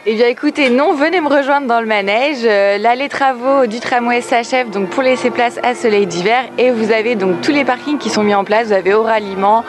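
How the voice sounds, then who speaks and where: A woman's voice: a little high, fairly quick, few pauses. A woman reporter giving practical information in a live report from a fair. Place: outdoor fair by a carousel. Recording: music playing clearly behind. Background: music.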